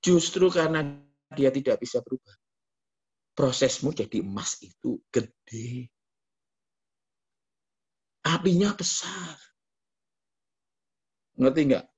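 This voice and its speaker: A man with a Javanese accent preaching a lively sermon as pastor, jumping into mock voices and quoted asides. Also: medium pitch, slow, pauses often, husky, highs cut off.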